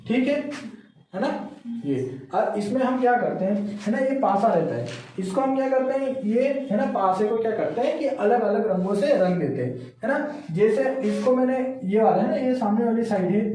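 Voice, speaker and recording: A man's voice: sits high, animated, normal speed, dark tone, slight background noise. A man teaching a classroom lesson, counting aloud and constantly checking with his students through repeated questions. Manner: repetitive, keeps asking "है ना?" and counting aloud. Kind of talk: classroom lesson with call-and-response. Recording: echoey classroom from far off.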